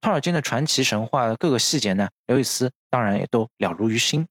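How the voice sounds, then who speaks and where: Narrating literary history from a script, a podcast host explains in a bookish way, his medium-pitched, fairly bright voice moving a little fast with lively intonation. The studio-quality recording is dry, with music beneath his voice.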